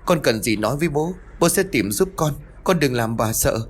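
Male storyteller doing an anxious young man in a ghost story, urgent and reassuring, pitched higher. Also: animated, normal speed, natural voice. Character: anxious adult son comforting his mother.

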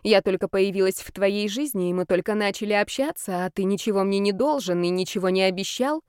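Anxious, tearful young woman, soft and trembling, pleads in a slow, high voice; a woman reader does the voice. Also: huge pitch swings, gravelly, no room sound, studio quality, full character voice. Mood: pleading.

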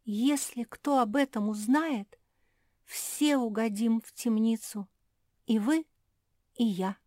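A woman voicing a timid, tearful female liar creature who sobs and frets in a high voice. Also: steady tone, slow pace, darkish tone, dry recording, clean studio sound. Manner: sobbing, shrill, fretful.

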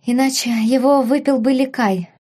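A woman's voice: sits high, normal speed, dark tone. A woman voicing a poisoned young princess who wheezes and struggles for breath while pleading urgently. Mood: weak pleading. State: wheezing, coughing up blood.

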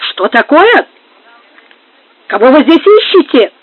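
A woman's voice: high voice, moderate pace, dry recording, voice pushed up. A woman reading the part of an impetuous young male lover, exclaiming and pleading. The sound is dry and narrow, like a phone line. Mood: challenging.

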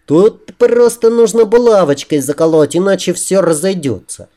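A man's voice: sits high, normal speed, warm tone, pitched above the performer's own voice, lightly acted. A man doing a bossy, fussy young woman. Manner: teasing, fussing, scolding. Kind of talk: audiobook character voice.

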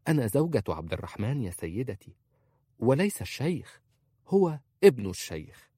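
A man voicing a polite, innocent young bride who speaks softly in a storybook reading. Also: fairly low pitch, very animated, a little fast, no room sound, studio quality. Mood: gentle. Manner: soft, gentle pleading.

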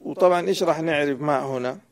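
Gravelly man teaching grammar. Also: fairly high pitch, rapid-fire. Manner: asks the student questions and corrects answers. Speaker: sheikh teaching Arabic grammar. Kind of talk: explaining a grammar poem to a student.

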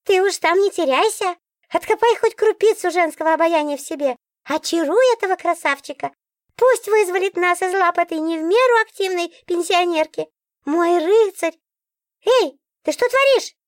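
A woman voicing a bossy, indignant female talking magic book in an audiobook, with a shrill, very high voice. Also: animated, moderate pace, dry recording, studio quality. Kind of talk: audiobook character voice.

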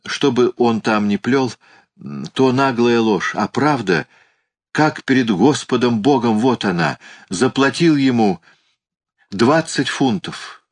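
A man's voice: mid-range voice, expressive, slow pace, voice pushed up. A man voicing a miserly, fretful old uncle in an audiobook, whining and flustered in protest. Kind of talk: audiobook character reading.

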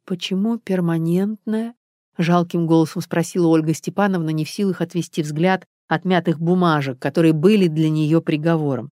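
A woman narrating an audiobook in an even storytelling manner. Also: low voice, fairly quick, few pauses, dry recording, clean studio sound. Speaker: audiobook reader. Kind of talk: scripted narration.

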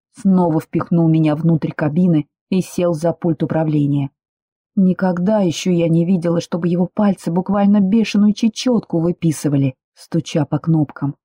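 A woman reads a first-person novel aloud with steady, expressive storytelling. Her voice is very dark and slightly husky. The sound is dry and close. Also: on the low side, no room sound. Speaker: audiobook narrator.

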